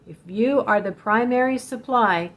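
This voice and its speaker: A woman's voice: on the high side, a little slow. Earnest woman telling a personal story. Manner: earnest, direct, addresses viewers as "guys". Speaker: spiritual channel host telling a personal story. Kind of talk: personal storytelling vlog, warning viewers.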